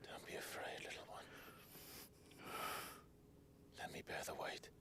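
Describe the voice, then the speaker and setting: An actor playing a grave but gentle-hearted warrior in a video game, weary and resolute, speaking in a low, measured, gravelly hush. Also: male voice, whispered, lightly acted. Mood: tender. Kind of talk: dramatic video game acting.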